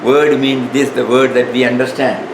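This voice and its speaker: A man with a South Indian accent giving an informal spiritual lecture in a halting, repetitive way. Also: mid-range voice, little pitch movement. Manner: halting, repeats words, tags questions with "no". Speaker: spiritual teacher. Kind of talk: informal spiritual lecture, partly reading aloud. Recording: echoey room with clear background noise.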